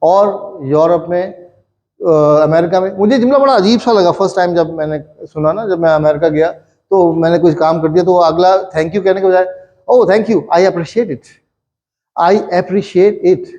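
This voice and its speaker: A middle-aged man with an Urdu-speaking Pakistani accent teaches a Japanese grammar lesson in a high voice. He talks in a chatty, repetitive way and keeps checking whether the class follows. The recording is dull and lo-fi. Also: normal speed, a little mellow. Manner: chatty, repetitive, with many "thik hai" checks.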